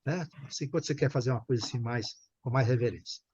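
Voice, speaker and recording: Um professor de inglês brasileiro dando aula online, paciente, repetindo e conferindo se o aluno entendeu. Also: male voice, mid-range voice, fast, darkish tone, slightly rough, lo-fi sound. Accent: Brazilian Portuguese. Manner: patient, repeats and checks understanding. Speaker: English teacher. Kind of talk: online English class.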